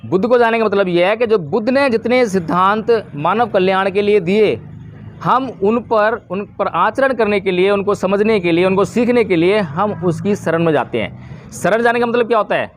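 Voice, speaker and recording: A man's voice: sits high, moderate pace, a little hiss or hum. A man teaching a group about Buddhist practice, explaining patiently and putting questions to his listeners. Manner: explanatory, asks the audience questions. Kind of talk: Dharma talk to a group.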